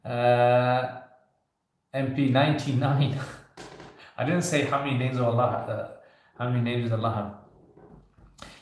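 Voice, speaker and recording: A man's voice: medium pitch, steady tone, slow, long pauses, slight background noise. A man in his thirties hosting a casual livestream Q&A, talking loosely and joking with viewers. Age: 30s. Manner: conversational, loose, with frequent "you know" and light joking. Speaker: livestream host answering viewer questions. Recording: very echoey room.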